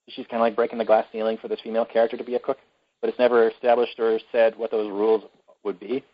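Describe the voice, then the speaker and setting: A man's voice: lowish voice, flat delivery, fast talker, lo-fi sound. A man co-hosting a podcast, retelling a film plot in casual chat with many fillers and restarts. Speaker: podcast co-host.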